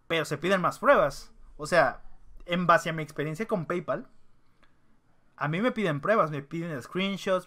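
A young Mexican man tells a long story to his vlog audience in casual, slangy speech, stopping often for fillers and restarts. His voice sits a little high and sounds bright and forceful. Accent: Mexican Spanish. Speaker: vlogger.

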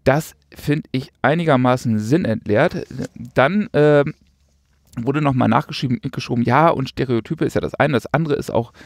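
A man's voice: medium pitch, moderate pace, dry recording, studio quality. A man co-hosting a casual podcast, talking sarcastically and rambling with many fillers. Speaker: podcast co-host. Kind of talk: casual chat.

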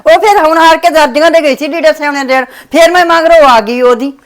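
Woman acting as older mother-in-law, pleading, defensive, high voice, quick speech. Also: lightly acted. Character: older mother-in-law who hides pension money. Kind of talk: village family short film acting.

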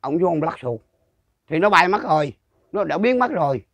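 A man's voice: on the high side, very animated, normal speed, creaky, fairly bright tone, no echo. Older Southern Vietnamese man telling ghost tales. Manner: rambling, repetitive, with frequent restarts. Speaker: storyteller interviewee. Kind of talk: casual folk storytelling.

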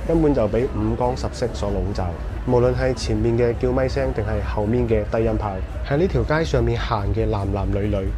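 A man with a Cantonese accent talks quickly and wryly as he tours a street at night, teasing his companion and offering opinions. His voice sits at a middle pitch. Loud bar music thumps behind him. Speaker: vlog host. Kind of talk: walking tour commentary. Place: busy nightlife street outdoors. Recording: music blaring from street bars.

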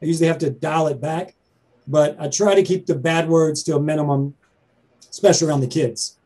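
A Southern-accented man hosting with nonstop energy and a jokey, hype-man delivery. His voice sits a bit high for a man yet sounds mellow and warm. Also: fairly even intonation. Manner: high-energy, joking, rapid hype intros. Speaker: host and stand-up comedian. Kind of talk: energetic talk-show hosting.

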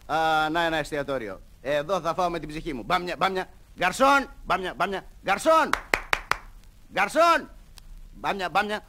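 A man's voice: a little high, bright, forceful tone, slight background noise, pitched below the performer's own voice. A man voicing a dim-witted male diner with a repetitive, dopey manner in a 1970s comic record sketch. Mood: demanding.

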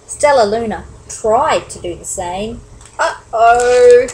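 A woman reading a children's picture book aloud, expressive, with chatty asides to young listeners. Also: fairly high pitch, moderate pace, slight background noise, low-quality recording. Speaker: storybook reader. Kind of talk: children's story read-aloud.

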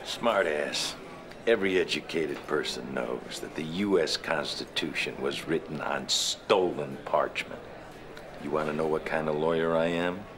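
An actor playing a crooked, scheming old small-town lawyer who talks in a smooth, folksy, often hushed and whispery way. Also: male voice, a bass voice, a little slow, noisy background. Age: older.

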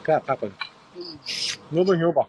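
A man's voice: normal speed, highs cut off, a little hiss or hum. A man in his twenties with an Isan accent, chatting and teasing playfully as a singer telling stories. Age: 20s. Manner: playful, teasing, lively storytelling with laughs. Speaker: singer chatting on a live stream. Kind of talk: casual chat.

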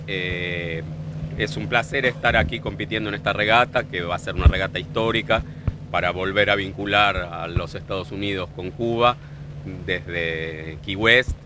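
Measured sailor, lower voice, noisy outdoor harbor take. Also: male voice. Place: outdoors on a sailboat deck.

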